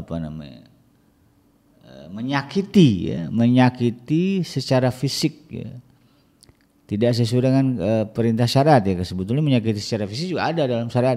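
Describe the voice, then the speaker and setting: A man's voice: fairly low pitch, dark tone. A middle-aged man giving a religious lecture on parenting, conversational, with frequent tag words, acting out scolding parents. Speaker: Islamic teacher.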